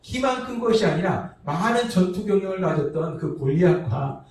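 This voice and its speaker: Pastor preaching in church, male, fairly high voice, reads scripture then retells it, heavy echo, mic set far off. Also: expressive, moderate pace, darkish tone. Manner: reads verses then retells them, acting out quoted lines. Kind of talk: sermon with scripture reading. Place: church sanctuary. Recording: echoey distant church sound.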